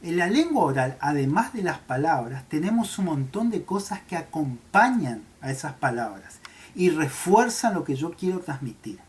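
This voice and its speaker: A man's voice: on the high side, sing-song, normal speed. Man, teacher recording an explanatory class, checks in often with his students. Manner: checks understanding with frequent "¿sí?", gestures while talking.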